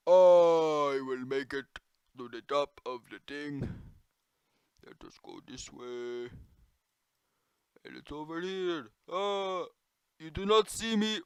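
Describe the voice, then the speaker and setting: A young man putting on the voice of a boastful superhero, slow, grandiose and taunting as he plays a video game. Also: on the high side, smooth, no echo, voice pushed up, low-quality recording.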